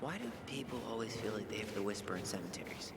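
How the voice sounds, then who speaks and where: An actor playing a gentle, steady young adult twin brother in a story game, speaking softly. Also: male voice, lowish voice, fast talker, background noise. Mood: hushed.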